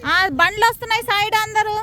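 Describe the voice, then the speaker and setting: A woman's voice: extremely high pitch, fast, bright, forceful tone, a little hiss or hum. A woman with a Telangana accent, filming on her phone as she walks outdoors along a street and coaxes small children to keep up. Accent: Telangana Telugu. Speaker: vlogger filming a family walk. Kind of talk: casual outdoor chat with children. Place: outdoors on a street with passing vehicles. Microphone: phone camera held while walking.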